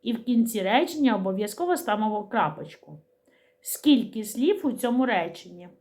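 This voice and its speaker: A middle-aged woman teaching a preschool literacy lesson, speaking slowly and clearly in a sing-song way to small children. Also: on the high side, lively intonation, a little mellow.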